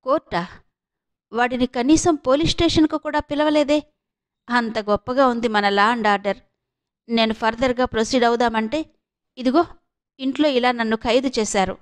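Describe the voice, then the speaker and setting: A woman voicing a defiant young woman who speaks sharply and with force, high-pitched. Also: steady tone, normal speed, pauses often, natural voice.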